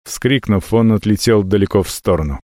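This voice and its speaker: A man's voice: lowish voice, moderate pace, dry recording, clean studio sound. Man narrating a dramatic fantasy audiobook. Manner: expressive, dramatic reading.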